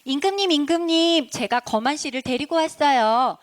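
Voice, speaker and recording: A woman's voice: high-pitched, normal speed, lightly acted. A woman voicing a polite, eager little fairy in a children's story, speaking in a coaxing way.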